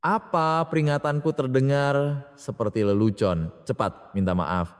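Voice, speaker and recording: A man's voice: medium pitch, a little slow, clear, resonant tone, pitched above the performer's own voice, lightly acted. A man voicing a cold, firm young husband and father protecting his family, in a storybook reading with long reverb.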